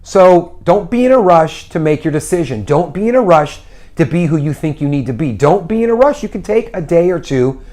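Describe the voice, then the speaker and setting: A man in his forties hosting a casual livestream, giving encouraging advice in an animated way. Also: on the high side. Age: 40s. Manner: animated, encouraging, acts out little voices. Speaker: host. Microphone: phone livestream.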